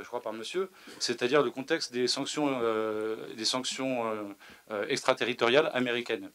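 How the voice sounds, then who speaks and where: A man's voice: medium pitch, fairly bright tone. Stammering man asking a question. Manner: stammering, repeats words. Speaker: audience member asking a question. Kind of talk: spontaneous public question. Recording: lecture hall.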